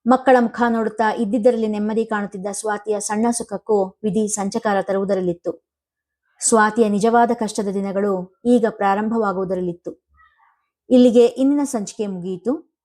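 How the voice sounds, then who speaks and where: A woman storyteller reading a family drama aloud in a steady, measured way. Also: medium pitch. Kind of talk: scripted narration of a family drama.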